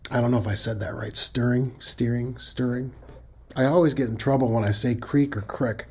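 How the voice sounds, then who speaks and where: A man's voice: medium pitch, fairly quick, breathy edge. A middle-aged man with a Midwestern accent, hosting a safety podcast in a folksy, conversational monologue that now and then corrects itself.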